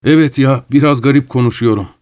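A man reading an audiobook, voicing a fawning middle-aged widower who speaks in a shrill, affected, theatrical way. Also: brisk, darkish tone, lightly acted. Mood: sly. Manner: gushing, theatrical, overly familiar.

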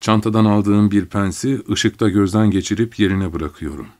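Man, lowish voice, scripted literary narration, measured first-person storytelling. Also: darkish tone.

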